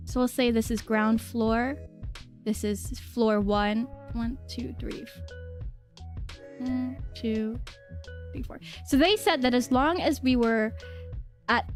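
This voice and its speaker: A woman hosting a livestream, explaining things casually to viewers in an informal, giggly way and often repeating her phrases. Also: fairly high pitch. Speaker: livestream host.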